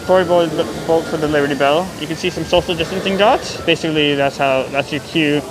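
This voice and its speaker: A man's voice: a little high, fast talker, heavy background noise. A man narrating a casual walk-around theme park vlog. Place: theme park, rides and queues. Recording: music playing clearly in background.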